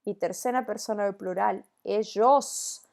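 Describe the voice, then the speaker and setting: Woman, Spanish teacher, slow drilling pace, gravelly edge, online lesson. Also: mid-range voice, a little mellow. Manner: slow, deliberate, drills conjugations with frequent "¿tá?" checks. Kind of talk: recorded online grammar lesson.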